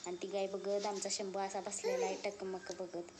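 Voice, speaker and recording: A young woman from Maharashtra, a mother filming her baby near the cows, cooing at him in high sing-song baby talk and murmuring plainer asides to her viewers. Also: little pitch movement, normal speed. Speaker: vlogger mother. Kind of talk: home vlog talking to her baby and viewers. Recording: noisy home phone recording.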